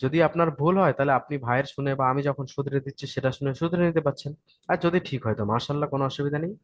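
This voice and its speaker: A man's voice: medium pitch, very fast, dry recording, dull audio. A man with a West Bengal Bengali accent teaching an online Quran reading class, patient and repeating each point to check his students follow.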